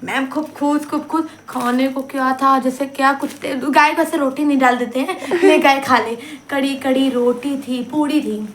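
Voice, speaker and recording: A young woman telling the story of her school farewell in a casual chat, animated, laughing and acting out what people said. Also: high-pitched, moderate pace, hardly any pauses, echoey room, a little hiss or hum. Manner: animated, acts out quotes, laughs often. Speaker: student recounting her farewell.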